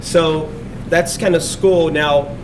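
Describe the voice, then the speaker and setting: A man hosting a casual interview podcast in a restaurant, speaking in a relaxed way with many fillers and restarts. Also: a little high, takes it slowly, recorded from a distance, background noise. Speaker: podcast host. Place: restaurant dining room.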